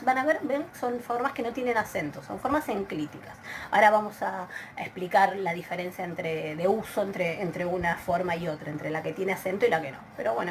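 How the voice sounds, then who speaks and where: A woman's voice: mid-range voice, slight background noise. A woman with an Argentine Spanish accent teaching a recorded video lesson, explaining step by step with frequent filler hesitations and restarts. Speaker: Greek language teacher.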